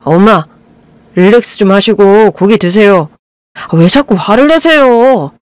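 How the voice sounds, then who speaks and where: A woman's voice: mid-range voice, expressive, a little slow, darkish tone, dry recording, close to an everyday voice. Playful young groom, voiced by a woman, coaxing, light, dry sound. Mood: pleading.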